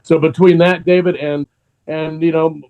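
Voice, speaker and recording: A man's voice: a little high, flat delivery, a little mellow, dull audio. A man, a filmmaker guest on a podcast, answering thoughtfully with frequent restarts and an earnest tone. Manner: measured, restarts often, earnest. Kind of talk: reflective interview answers.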